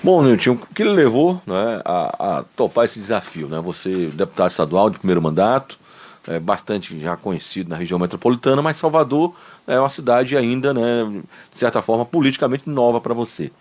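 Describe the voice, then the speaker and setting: A man's voice: mid-range voice, animated, a little fast, darkish tone. A man hosting a radio interview, speaking in a chatty, conversational way. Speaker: radio show host.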